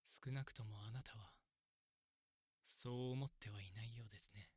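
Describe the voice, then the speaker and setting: A man playing a kindly, long-lived elf priest in an ASMR role-play, very polite, soft and measured. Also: medium pitch, steady tone, husky, dry recording, clean studio sound, natural voice. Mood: reflective, sad.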